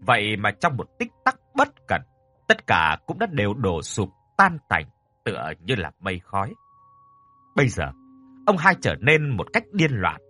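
A man narrating a ghost story in a scripted, expressive and dramatic storytelling style. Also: mid-range voice, husky.

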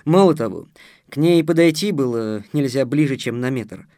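A man narrating an audiobook in a measured, expressive way. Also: medium pitch, no echo, studio quality. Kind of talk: scripted narration.

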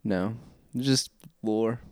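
A man's voice: on the low side, drawn-out words, a little mellow, clear, resonant tone, dry recording, clean studio sound. A young man co-hosting a podcast, joking and teasing in casual chat. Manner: joking, teasing, laughs often. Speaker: podcast co-host.

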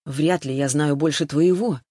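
A woman reading an audiobook, voicing a calm, apologetic man who speaks in a measured way. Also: low voice, dry recording, studio quality. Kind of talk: audiobook character voice.

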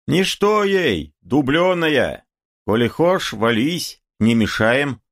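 A man's voice: a little high, lively intonation, measured pace, pitched above the performer's own voice. A man voicing a cocky young nobleman swordsman who taunts and boasts, in a novel reading. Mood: taunting. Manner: swaggering, taunting.

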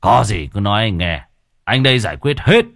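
A man doing a low muttering old sorcerer. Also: sing-song, normal speed, pushed and bright, no echo, clean studio sound, exaggerated voice. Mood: boastful. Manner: low muttering, then swaggering boasts. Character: scheming boastful old male sorcerer.

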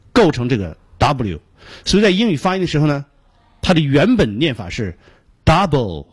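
A middle-aged man with a Beijing Mandarin accent gives a radio pronunciation lesson, explaining slowly and repeating each sound he demonstrates. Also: a little high, breathy edge, no room sound. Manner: frequent filler particles between phrases. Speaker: English pronunciation teacher.

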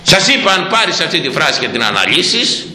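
Preaching on Proverbs, the older priest uses rhetorical questions and repeated phrases for emphasis. His voice sits on the high side with big pitch swings and a sharp tone, and the echoey room carries faint background noise.

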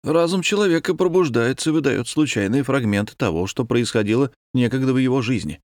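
Excited scientist type; male narrator voicing, explanatory, dry. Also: medium pitch, brisk, dry recording, voice pushed up, lightly acted.

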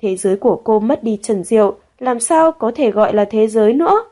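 Woman, audiobook narrator, warm mellow voice, measured storytelling. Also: fairly high pitch, lively intonation. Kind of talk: audiobook narration of a romance novel.

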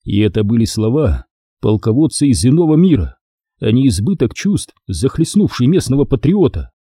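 A man with a husky voice narrating a science-fiction audiobook in a measured, expressive reading. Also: mid-range voice, no echo, studio quality.

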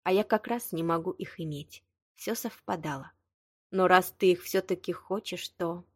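A woman reading the lines of a prickly young woman, hurt but proud, defensive and quick to flare up. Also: lowish voice, slightly rough, no room sound, clean studio sound. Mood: tearful. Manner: tearful, defensive, flaring. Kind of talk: audiobook dialogue reading.

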